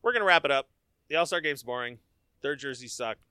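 A man hosting a postgame chat, telling stories and joking in an animated way. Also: medium pitch, fast talker, clear, resonant tone, no room sound. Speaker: host. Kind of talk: casual chat.

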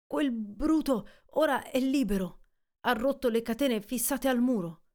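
A woman reading an audiobook, voicing an anxious male companion on an island who speaks slowly and urgently in halting questions. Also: a little high, a little mellow, pitched above the performer's own voice, close to an everyday voice. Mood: alarmed.

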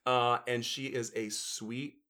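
A man's voice: mid-range voice, level tone, takes it slowly, pushed and bright. A man in musical theatre, chatting casually as a guest and telling stories with lots of fillers and restarts. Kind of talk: casual storytelling chat.

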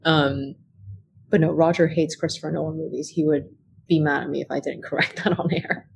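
Low-voiced woman chatting on a podcast. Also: a little fast, creaky, slight background noise. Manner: relaxed, rambling, filler-heavy. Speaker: podcast co-host. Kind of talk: casual chat.

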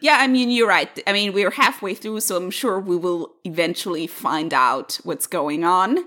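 A woman's voice: fairly low pitch, moderate pace, pushed and bright. A woman co-hosting a podcast, chatting casually and trailing off into filler words. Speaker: podcast co-host. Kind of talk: casual chat about a TV show.

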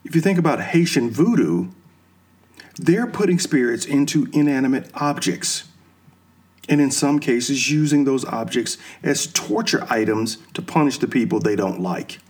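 A man's voice: medium pitch, animated, darkish tone, breathy edge. A man talking through his ideas in an unscripted monologue, asking himself questions and then answering them. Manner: slow, musing explanations drawn from films and religion.

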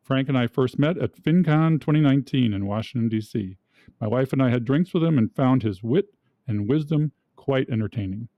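A man with a mid-pitched voice hosts a podcast, delivering scripted introductions. The recording is very dry and a little dull. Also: dry recording. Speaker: podcast host.

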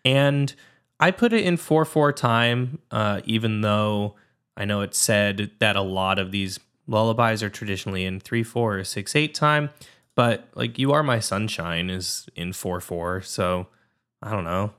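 A man's voice: fairly low pitch, unhurried, fairly bright tone, smooth. A man co-hosting a podcast in casual chat, easygoing, laughing often and explaining things plainly. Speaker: podcast co-host.

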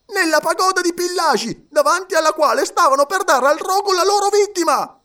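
A man voicing an impatient, excitable young male manservant in an audiobook, blurting shrill exclamations. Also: a little slow, full character voice. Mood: agitated. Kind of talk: audiobook character voice.

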